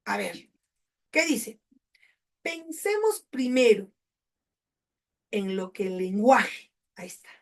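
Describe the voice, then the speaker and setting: A woman's voice: on the high side, a little mellow. A woman teaching an online exam-prep class over a video call, with a Peruvian Spanish accent. She repeats key words and keeps checking in with her students.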